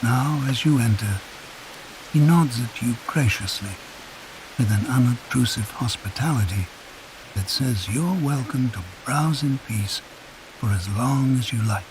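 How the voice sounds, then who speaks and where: A man narrating a guided sleep meditation in a soft, calm, unhurried storytelling voice. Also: medium pitch, low-quality recording. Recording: hissy recording with rain sounds behind. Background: rain.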